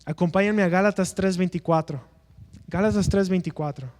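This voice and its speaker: A man's voice: sits high, moderate pace, darkish tone, big-room sound. A man teaching an evangelism class in a church, earnest and preacher-like, asking rhetorical questions and answering them himself.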